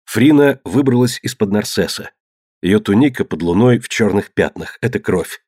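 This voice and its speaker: A man narrating an adventure novel in a low, measured storytelling voice. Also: animated, a little mellow, breathy edge, dry recording, clean studio sound. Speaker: audiobook narrator. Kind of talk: scripted narration.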